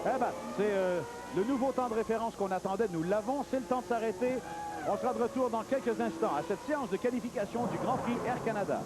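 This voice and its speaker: A man with a Quebec French accent giving excited live motorsport commentary as lead announcer. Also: sits high, fast. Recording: loud race-car engine noise. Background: loud cars at an outdoor race track.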